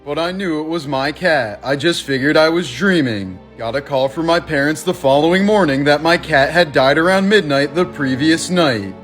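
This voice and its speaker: A man reading creepy facts and stories in a measured, scripted narration. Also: fairly high pitch, a bit bright.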